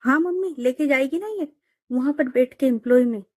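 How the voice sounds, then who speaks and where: A woman's voice: high voice, fairly quick, no echo, close to an everyday voice. A woman voicing a young woman, a stubborn elder sister who scolds her sibling in a spoken audio story. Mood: scolding. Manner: blunt, scolding.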